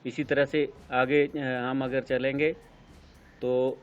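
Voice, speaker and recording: Pakistani man teaching shorthand, flat voice. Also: mid-range voice. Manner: unhurried, explains step by step with many pauses and fillers. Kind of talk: screen-recorded tutorial explanation. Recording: dull lo-fi sound with faint noise.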